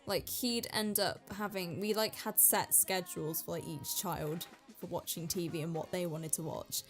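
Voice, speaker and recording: A woman's voice: fairly low pitch, steady tone, normal speed, soft background music. A young woman co-hosting a casual podcast chat, playful and giggly. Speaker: podcast co-host.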